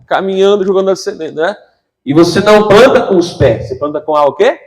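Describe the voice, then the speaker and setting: Male pastor, fairly high pitch, preaching with humor, acting out little scenes, firing rhetorical questions at the congregation. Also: fairly quick. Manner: asks the crowd rhetorical questions. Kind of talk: lively sermon.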